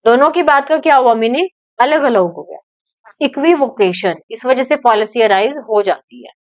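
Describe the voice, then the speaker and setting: A woman's voice: fairly high pitch, animated, normal speed, no echo. A woman teaching an exam-prep lecture, explaining with everyday examples and rhetorical questions. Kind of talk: online lecture. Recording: dull lo-fi dry recording.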